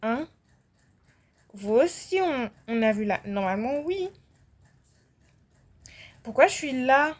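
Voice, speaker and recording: Chatty high-voiced French young woman. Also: animated, takes it slowly, pauses often. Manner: rambling, lots of fillers and restarts, sudden outbursts. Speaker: gaming vlogger. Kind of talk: casual chat while playing.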